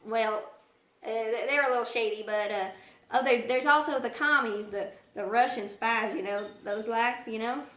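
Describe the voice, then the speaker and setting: A woman's voice: a little high, normal speed, a bit bright, lightly acted. A woman playing an awkward young townswoman who rambles hesitantly with many fillers. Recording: echoey room.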